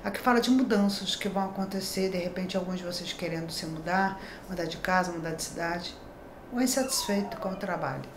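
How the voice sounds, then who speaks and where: Speaking a little fast in a fairly low pitch, a middle-aged woman from Brazil reads daily horoscope tarot in a small, decorated indoor space. She's chatty and reassuring, tossing in tag questions, while the room echoes and the background is noisy.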